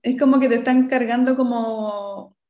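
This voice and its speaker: A woman's voice: on the high side, fairly even intonation, mellow. Teasing woman in a roomy space. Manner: teasing, quick quips. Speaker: podcast co-host. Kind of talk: casual chat. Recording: roomy, muffled sound.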